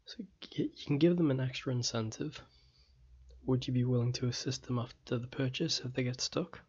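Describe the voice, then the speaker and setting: Hoarse-throated male course teacher, lo-fi. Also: medium pitch, fairly quick. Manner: direct, relaxed and practical, with small restarts. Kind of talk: casual recorded lesson.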